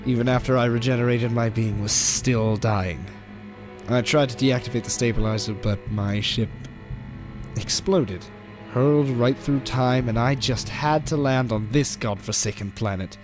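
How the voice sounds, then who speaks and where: Megalomaniac alien villain , male actor, mid-pitched, smug and contemptuous, theatrical delivery over prominent music. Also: measured pace, close to an everyday voice. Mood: bitter recounting. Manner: theatrical, gloating, disdainful. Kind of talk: audio drama villain acting. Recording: fan audio play under loud music.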